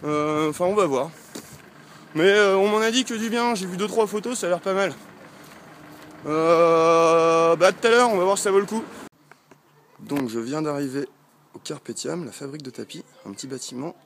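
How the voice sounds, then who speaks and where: A man's voice: fairly high pitch, moderate pace, long pauses, a bit bright, a little hiss or hum. A man from France, a travel vlogger, chatting casually to a handheld camera as he walks through a village street, rambling and often hesitating. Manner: talking while walking.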